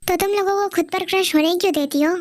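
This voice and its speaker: A woman's voice: extremely high pitch, quick pace, no room sound, clean studio sound. Woman voicing a possessive young man. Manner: pushy, demanding questions.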